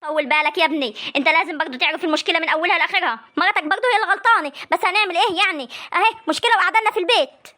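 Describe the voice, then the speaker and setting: A woman's voice: very high-pitched, pushed and bright. A woman with an Egyptian accent playing an older village mother in a comic family drama, scolding and trying to make peace. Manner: chiding, soothing, fast talk. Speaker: mother and aunt in a family feud.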